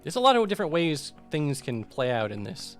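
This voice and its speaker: A man's voice: a little high, very animated, fairly quick, soft background music. A man streaming a video game, rambling casually about its quests with lots of fillers. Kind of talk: casual gameplay commentary.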